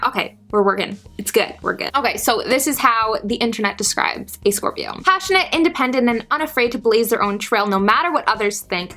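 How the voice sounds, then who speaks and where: A woman's voice: a little high, bright, forceful tone. A young woman in her twenties chatting casually to her viewers in a Q&A vlog, bubbly and full of "like". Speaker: YouTuber.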